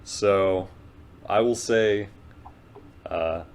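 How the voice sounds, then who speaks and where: A man chatting casually as a player in a tabletop game, thinking aloud in a halting way. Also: lowish voice, a little mellow.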